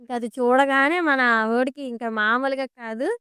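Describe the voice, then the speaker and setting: Woman doing a chatty vlog voice-over, super clear, dry close mic. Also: sits high, steady tone, normal speed, fairly bright tone, no room sound. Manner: chatty, amused storytelling. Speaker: vlogger.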